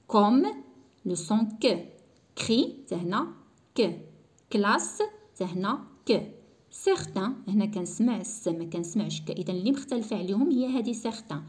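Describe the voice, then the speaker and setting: A woman with a Moroccan accent explains a French spelling lesson for schoolchildren and says French words slowly and clearly. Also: mid-range voice, darkish tone. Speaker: primary school French teacher.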